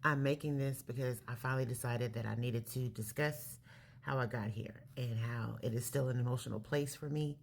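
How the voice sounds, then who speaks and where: A woman in her late forties from California, candidly telling her life story in a casual vlog, pausing and correcting herself as she goes. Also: a bass voice, fairly even intonation, vocal fry, slight background noise. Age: 40s. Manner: reflective, candid, self-correcting. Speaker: vlogger.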